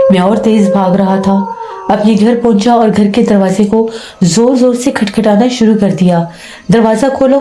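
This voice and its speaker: Female storyteller, dark mellow voice, roomy echo, soft music under her; reads a spooky tale in first person. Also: mid-range voice. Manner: first-person telling with acted dialogue. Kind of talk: scripted horror narration.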